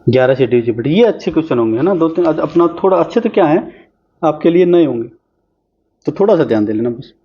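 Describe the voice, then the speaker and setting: A man's voice: fairly high pitch, animated, slightly rough, highs cut off. A man teaching an exam-prep math lesson, talking chattily while he works through problems on screen. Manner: brisk, chatty, talks while solving on screen.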